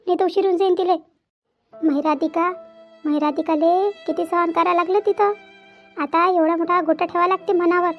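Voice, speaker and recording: A woman's voice: extremely high pitch, dull audio. A woman voicing a worried, scolding village mother in a cartoon family drama. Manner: fretful, scolding motherly talk.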